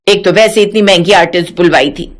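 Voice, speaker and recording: A woman voicing a sharp-tongued widowed mother-in-law in her sixties, scolding and scornful. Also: on the low side, quick pace, voice pushed down, natural voice. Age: 60s. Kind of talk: animated story voice acting.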